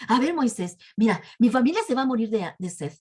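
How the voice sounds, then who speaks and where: A woman voicing a demanding, whiny, thirsty wanderer who complains loudly. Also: expressive, brisk, slightly rough. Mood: complaining. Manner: complaining, shrill.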